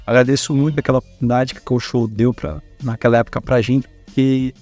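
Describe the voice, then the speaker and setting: A man's voice: medium pitch, fairly even intonation, a little fast, a little mellow, soft background music. A man from Brazil talking casually and with enthusiasm, giving direct advice to young people at a career fair. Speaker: guest speaker at a career fair. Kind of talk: casual conversational talk.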